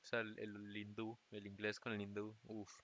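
Bright, slangy Costa Rican man. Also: on the low side, monotone, moderate pace, dull audio. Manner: loose, slangy, often laughing mid-sentence. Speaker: podcast co-host. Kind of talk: casual chat.

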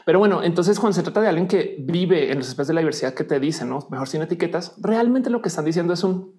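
A fast-talking Colombian woman with a lowish voice and a Colombian accent chats casually as a guest. She's a YouTuber and teacher who gets animated, laughs a lot, and acts out the voices of people she quotes.

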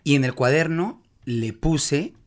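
A man's voice: a little high, slow pace. A man hosting a podcast in casual chat, playful and teasing, telling stories. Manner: playful, teasing, animated storytelling. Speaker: podcast host.

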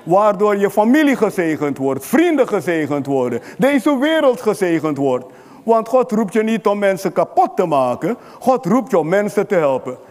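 A man preaches with rising fervor, calling out to the congregation for amens. His voice sits very high. The sound carries a long reverb, as in a large hall. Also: very animated, normal speed. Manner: fervent, rises to shouting at climaxes. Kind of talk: sermon.

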